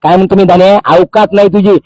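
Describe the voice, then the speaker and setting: Angry activist, high dark voice, dry close sound, accusing and repetitive. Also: male voice, steady tone, fast, dry recording, low-quality recording. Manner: furious, accusing, repeats phrases for emphasis. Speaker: social activist. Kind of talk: angry public tirade. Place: outdoors by a Holi fire.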